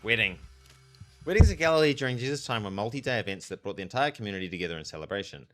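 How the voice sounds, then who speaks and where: A man livestreaming a game and chatting casually with viewers, speaking with a strong lisp from wearing a retainer in an animated, slangy way. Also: on the low side, racing, slight background noise. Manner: animated, slangy, talks to chat. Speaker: live streamer, theologian. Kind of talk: casual livestream chat over gameplay.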